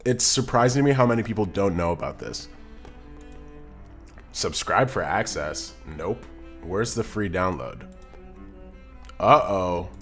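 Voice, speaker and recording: A man's voice: sits low, expressive, normal speed, faint music behind. A man streaming live, chatting casually and rambling as he reads out and answers viewer messages. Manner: rambling, chatty, reacts to chat and laughs often; reads chat messages aloud and answers them.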